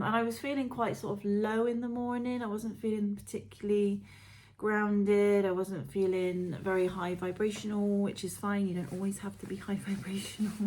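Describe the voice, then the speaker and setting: Female, mid-pitched, very unhurried; gentle, reflective delivery suited to guided relaxation and personal spiritual talk. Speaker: host of a spiritual, relaxation-focused personal channel. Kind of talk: casual reflective talk and guided-visualisation reading.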